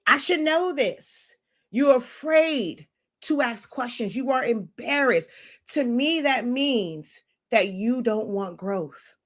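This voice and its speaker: A woman business mentor teaches live on a livestream in an unscripted monologue, bluntly lecturing and often pausing to hunt for a word. Her voice is a little high, expressive, and slow.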